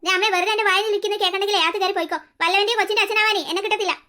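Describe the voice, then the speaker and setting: A short-tempered middle-aged cartoon husband, voiced by a woman, scolds in a gruff, clipped way. The voice is very high for a man and talks fast. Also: steady tone, sharp tone. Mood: angry. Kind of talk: cartoon dubbing.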